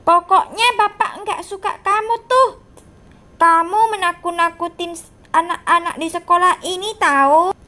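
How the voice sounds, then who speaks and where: A woman's voice: extremely high pitch, steady tone, unhurried, bright, forceful tone, heavily acted. A woman voicing a strict, scolding male schoolteacher in a game role-play. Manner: scolding, bossy.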